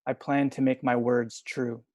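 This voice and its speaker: Soft-spoken man reading poems, flat delivery. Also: medium pitch, measured pace, no room sound. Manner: soft-spoken, hesitant with fillers between readings. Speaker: poet reading at a livestream. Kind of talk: poetry reading. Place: home, video call.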